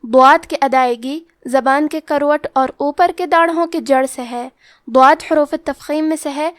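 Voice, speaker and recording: A woman with a high voice gives a methodical recitation lesson, going through each rule in careful steps. The recording is close and dry, with no room sound. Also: no echo. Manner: methodical, step-by-step explanation with drawn-out recited words. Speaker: Quran recitation teacher. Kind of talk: tajweed lesson, explaining rules then reciting slowly.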